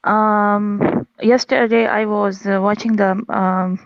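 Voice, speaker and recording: A woman's voice: mid-range voice, level tone, takes it slowly, no echo. A woman in her twenties from Pakistan with a Pashto accent, speaking hesitant, nervous English as a second language. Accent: Pashto-influenced Pakistani. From Peshawar, Pakistan. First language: Pashto and Urdu. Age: 20s. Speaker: caller, university student. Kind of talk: casual conversation practice. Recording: dull, lo-fi call audio.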